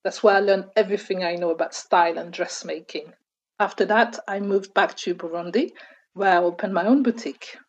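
A woman reading an interview translation as a calm voice-over. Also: medium pitch, a little fast, dull audio.

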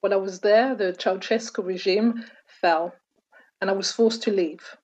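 A woman reading an interview translation as a calm voice-over. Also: mid-range voice, measured pace.

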